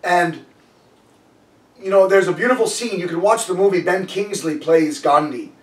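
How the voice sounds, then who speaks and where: Man, preacher, conversational sermon, restarts sentences, higher voice, distant mic, echoey room. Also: normal speed. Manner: loose and storytelling, with frequent restarts. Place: church sanctuary.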